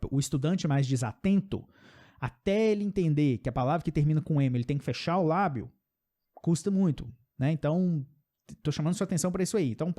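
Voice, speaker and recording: A Brazilian English teacher whose native language is Portuguese runs a pronunciation lesson, saying example words slowly and frequently checking in with "ok?". His voice is warm and fairly high.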